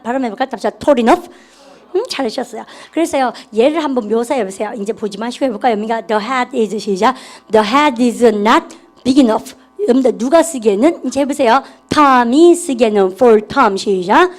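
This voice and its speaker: A woman teaching an English grammar class, encouraging students and leading them through call-and-response drills. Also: high voice. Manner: encouraging, repetitive, calls herself 쌤. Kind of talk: classroom lecture.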